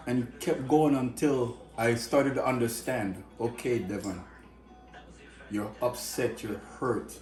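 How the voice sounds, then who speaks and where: A man of middle pitch tells a personal memory with feeling, his voice rising high whenever he acts out the people in the story. The room around him has an echo. He talks in a loose, conversational way. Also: slow pace, faint music behind. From Canada. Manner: emotional, animated, acts out quoted voices. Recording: echoey room.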